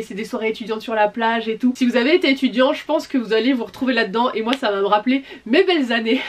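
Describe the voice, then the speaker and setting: Young woman vlogger, high chatty voice, enthusiastic, slightly distant mic. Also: slight background noise. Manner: chatty, enthusiastic, apologetic asides. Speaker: manga vlogger. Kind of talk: casual unboxing vlog.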